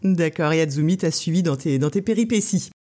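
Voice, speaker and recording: A woman's voice: deep voice, lively intonation, brisk, dark tone. A woman hosting a podcast interview, reading a scripted intro and then prompting her guest with friendly questions and short acknowledgements. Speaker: podcast host. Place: small shop, behind the till.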